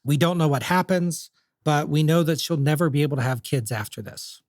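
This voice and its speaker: A man's voice: a little high, a little fast, no room sound, studio quality. A man hosting a podcast, telling history in a chatty, jokey, casual way. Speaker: podcast host.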